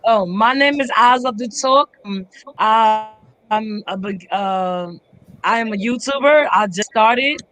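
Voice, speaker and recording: A woman in her thirties introducing herself on an online call, hesitant and full of pauses. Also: fairly high pitch, a bit bright, rough recording. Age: 30s. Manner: hesitant, many ums. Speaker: panel guest. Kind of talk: casual self-introduction.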